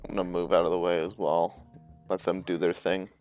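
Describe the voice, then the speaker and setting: A man's voice: low-pitched, level tone, brisk, a little mellow, clean tone, soft background music. A man playing a tabletop role-playing game, chatting casually with a joking, sarcastic edge. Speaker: player.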